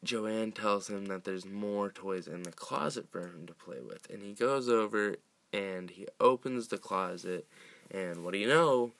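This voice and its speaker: A man's voice: on the low side, measured pace, vocal fry, fairly bright tone, no echo. A man hosting a casual podcast, recapping a horror film in a rambling way, with lots of fillers and restarts. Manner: rambling, many fillers and restarts, laughs often.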